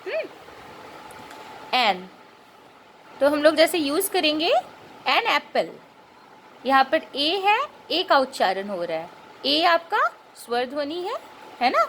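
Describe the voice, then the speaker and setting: A woman teaching a grammar lesson. She explains patiently, checks in with rhetorical questions, and spells out and repeats sounds slowly. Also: high voice, big pitch swings, a bit bright, a little hiss or hum.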